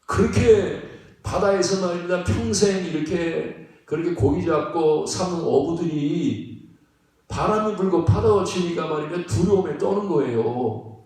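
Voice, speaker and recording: A male pastor delivers a sermon in a high voice, talking to his congregation in an emphatic, conversational way and asking them questions again and again. His voice rings through a very echoey church sanctuary, picked up from a distance. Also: moderate pace, a little mellow. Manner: emphatic, conversational preaching with frequent rhetorical questions and laughs.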